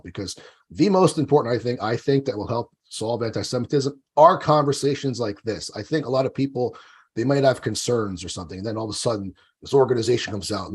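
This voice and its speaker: Fast-talking husky man. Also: medium pitch, darkish tone. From Italy, raised in New Jersey. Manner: rambling, loose, trails off with offhand asides. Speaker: guest. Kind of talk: casual conversational interview.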